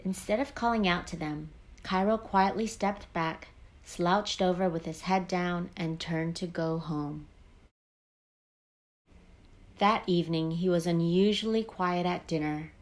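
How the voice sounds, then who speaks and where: A woman reading a children's picture book aloud in a gentle, expressive storytelling voice. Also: fairly low pitch, a little slow. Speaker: storybook reader.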